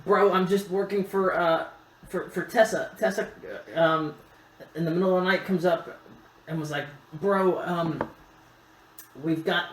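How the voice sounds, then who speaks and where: A man's voice: sits high, fairly even intonation, unhurried, reverberant, voice pushed up, poor audio. A man voicing a male gnome lackey who talks like a slangy bro, drawling and stumbling over his words. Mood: rambling.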